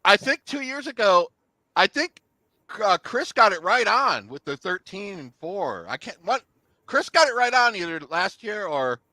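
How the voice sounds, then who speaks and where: A man co-hosting a casual sports talk show, animated and jokey, laughing easily as he answers. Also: sits high, a little slow, dry recording. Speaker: podcast co-host.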